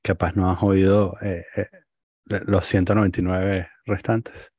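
A man with a Venezuelan accent, co-hosting a podcast and telling a wry anecdote in relaxed chat. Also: low-pitched, measured pace, no room sound. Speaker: podcast co-host. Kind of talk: casual chat, storytelling.

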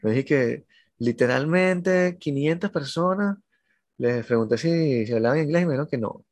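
A man with a Venezuelan accent, telling an animated anecdote in a casual podcast chat. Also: on the high side, moderate pace, no room sound.

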